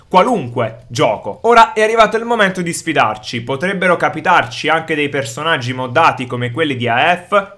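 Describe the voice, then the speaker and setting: Male gaming host, bright and somewhat high voice, hypes every fight with loud shouts. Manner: energetic, exclaims loudly during fights. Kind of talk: excited gameplay commentary.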